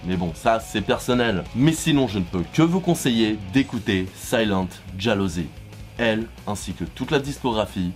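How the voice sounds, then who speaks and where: A young man giving scripted, enthusiastic commentary on music, with a self-mocking humor. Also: medium pitch. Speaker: music reviewer.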